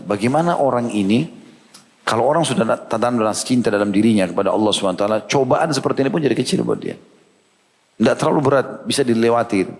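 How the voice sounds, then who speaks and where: Man preaching in a reverberant hall. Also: fairly low pitch. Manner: animated storytelling, voicing characters' quoted lines. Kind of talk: sermon storytelling.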